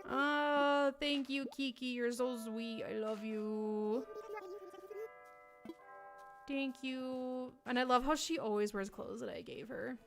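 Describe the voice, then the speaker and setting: Slow-talking woman chatting on a livestream. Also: on the high side, fairly even intonation, gravelly, soft background music. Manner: chatty, greets viewers by name, many ums. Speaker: livestream host. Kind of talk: casual livestream chat.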